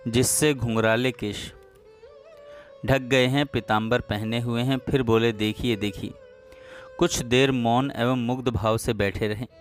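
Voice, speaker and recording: A man narrating a devotional story in a calm, measured reading voice. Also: medium pitch.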